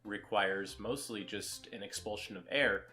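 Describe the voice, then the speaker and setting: A man's voice: lowish voice, unhurried, pushed and bright, faint music behind. A man giving casual step-by-step instruction as a technique coach.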